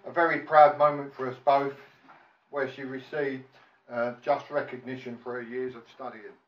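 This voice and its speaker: A middle-aged man gives a prepared wedding speech as father of the bride, halting and self-deprecating. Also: medium pitch. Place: large function room at a wedding reception. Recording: echoey room, distant mic, muffled, loud noise.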